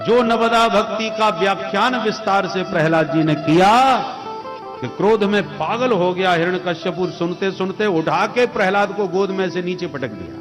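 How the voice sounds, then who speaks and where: Animated man telling a devotional story. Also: sits high. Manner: dramatic, animated storytelling with call-and-response. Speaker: preacher.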